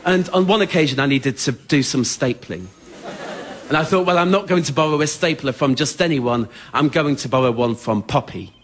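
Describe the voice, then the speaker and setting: A man on a theatre stage delivers a scripted comic monologue for radio, understated, earnest and self-deprecating, as a writer-performer storyteller before an audience. His voice sits on the high side at a moderate pace, with slight background noise.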